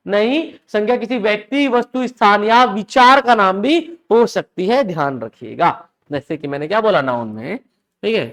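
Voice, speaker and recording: A male teacher with a fairly high voice lectures a live class in Hindi sprinkled with English terms. He keeps drilling the students with questions and repeats key phrases over and over. He checks constantly that everyone follows along. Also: lively intonation, moderate pace, a bit bright.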